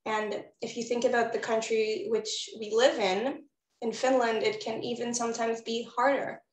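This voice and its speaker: Her voice fairly high and level, a postpartum doula from Israel presents a webinar at a moderate pace over a video call, warmly encouraging viewers and talking to them directly. The audio is poor, with an echoey room.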